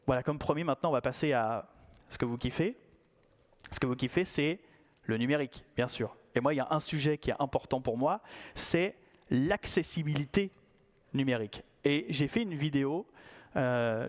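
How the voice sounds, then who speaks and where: A man giving a conference talk in a playful, ironic, conversational way. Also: fairly high pitch. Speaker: conference speaker.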